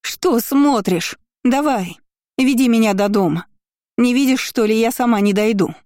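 A woman voicing a spiteful young woman who sneers and mocks in a shrill, high voice. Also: normal speed, dark tone, no echo, studio quality, lightly acted. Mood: shrill angry.

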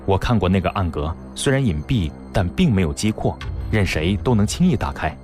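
A man voicing a calm, clever official who reasons in a measured way. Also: low-pitched, over music, pitched below the performer's own voice.

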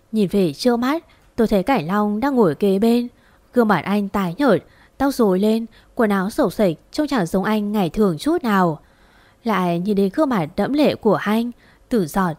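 A woman tells a sad first-person story in a slow, mournful voice. Her pitch sits in an ordinary middle range. The recording is close and completely dry, with no room sound at all. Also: darkish tone, no echo.

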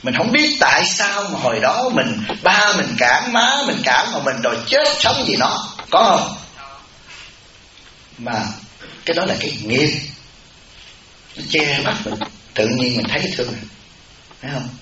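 A Buddhist monk giving a sermon in a temple hall, telling humorous stories and putting questions to the audience. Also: male voice, on the high side, very animated, a little slow, pauses often. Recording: echoey hall, muffled, audience noise.

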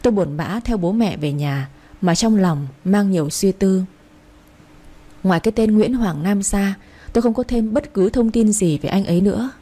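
A woman narrating a romance story in the first person, in a confiding tone. Her voice is mellow and warm, and her pitch sits in a middle range. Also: moderate pace.

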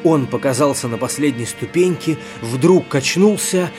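A man narrates a novel in a steady, measured way, his voice sitting in an ordinary middle range. Soft music plays faintly behind him. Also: medium pitch. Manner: measured literary reading. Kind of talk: audiobook narration.

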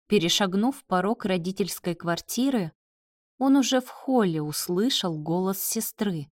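A woman reading a novel aloud in calm, even scripted narration. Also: fairly low pitch, no echo, studio quality. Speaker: audiobook narrator.

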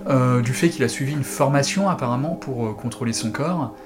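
A man's voice: medium pitch, brisk, over music. A man hosting a casual, analytical discussion as a critic. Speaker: host and film critic.

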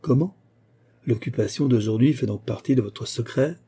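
A man's voice: mid-range voice, moderate pace, creaky, warm tone, slight background noise, lightly acted. A man reading an audiobook voices an older widowed mother who fretfully questions her son.

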